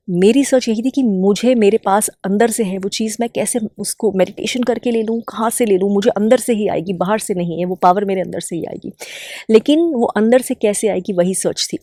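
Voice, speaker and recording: A woman's voice: mid-range voice, mellow, dry recording, studio quality. A woman from India who hosts an inner-healing channel, giving a spontaneous, earnest self-help talk and repeating phrases for emphasis.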